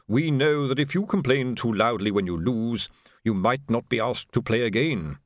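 A man voicing a calm, assured male doctor who is part of a conspiracy. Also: mid-range voice, moderate pace, no echo, natural voice.

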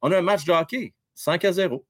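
A man with a Québécois accent hosting a hockey livestream from home, excitable and joking, shouting and swearing at big plays. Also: high voice, a little fast. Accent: Québécois French. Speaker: fan livestream host. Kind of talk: excited live hockey commentary.

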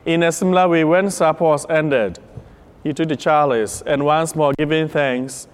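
A man's voice: on the high side, fairly even intonation, normal speed, smooth. A man, a priest, solemnly intoning the prayers of the Mass with a cathedral echo. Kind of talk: liturgical prayer. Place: large church. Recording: long echoing church reverb.

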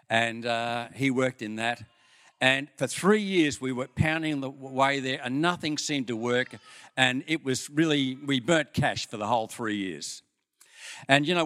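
An older Australian pastor preaching a sermon in a church, with folksy stories and an unhurried manner. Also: male voice, mid-range voice. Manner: folksy storytelling, lively with pauses. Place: church hall.

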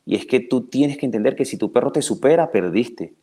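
A man from Colombia, a dog trainer, explaining his methods at length in a podcast interview, animated and full of restarts as he acts out owners and dogs. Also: mid-range voice, brisk, breathy edge.

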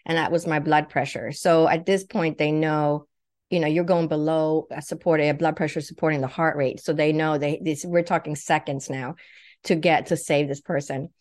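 A woman from Sweden recounts her own experience with a low-pitched voice. She tells it vividly and lively, playing out her own thoughts and the words of others as she goes. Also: normal speed. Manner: vivid, acts out quoted thoughts and speech. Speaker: guest. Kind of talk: personal storytelling.

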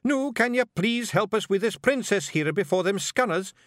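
A man's voice: high voice, expressive, moderate pace, a bit bright, no room sound, studio quality, voice pushed up. A man voicing a very tiny, earnest male fairy with a Scottish accent who talks eagerly.

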